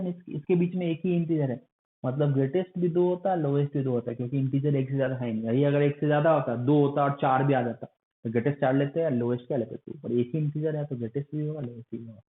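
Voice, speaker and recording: A man's voice: on the high side, fast, a little hiss or hum. A male math teacher giving an online lecture, in terms, coaxing and scolding his students like a strict elder. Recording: phone-like lo-fi recording.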